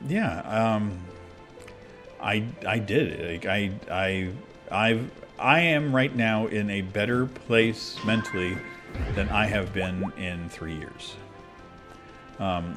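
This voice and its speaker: Music plays under a slow, low-pitched male voice. He's a gaming video creator at his computer abroad, talking loosely and frankly about the game he's playing, with frequent fillers and restarts.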